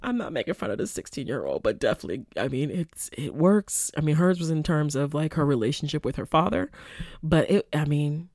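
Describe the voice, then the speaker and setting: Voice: mid-range voice, animated, fairly quick, a little mellow, dry recording. Give me a chatty solo podcaster, rambling and full of fillers, on a dry close mic. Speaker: podcast host. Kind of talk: casual solo podcast monologue.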